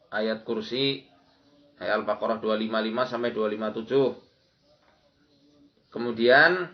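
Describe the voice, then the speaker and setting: A man giving an instructional religious lecture as an Islamic preacher, often repeating key phrases. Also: medium pitch. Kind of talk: religious lecture with recited Arabic prayers. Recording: dull lo-fi audio.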